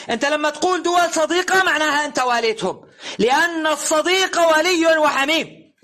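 High, bright-voiced insistent male preacher. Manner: insistent, rhetorical questioning, emphatic recitation. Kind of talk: recorded religious lesson.

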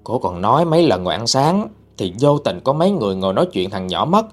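A man's voice: mid-range voice, sing-song, fast, soft background music. A man narrating a ghost story, chatty and dramatic, talking straight to his listeners.

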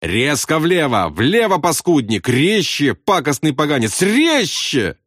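A man voicing a terrified young bomber pilot who yells hysterically at his crew. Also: very animated, a little slow, no room sound, clean studio sound, heavily acted. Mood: frantic. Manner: shrill hysterical yelling.

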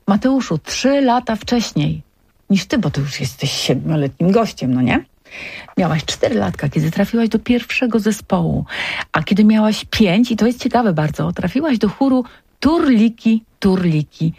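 Radio host, woman, dark husky voice with fry, dry studio mic, gentle anecdotal delivery. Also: medium pitch, animated, moderate pace, no room sound. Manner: warm storytelling, tender diminutives. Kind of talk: radio interview.

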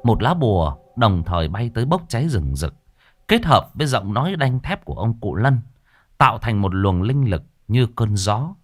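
A man reading a ghost story aloud in a dramatic, expressive style. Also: fairly low pitch, normal speed, dry recording. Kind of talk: scripted horror story narration. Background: faint background music.

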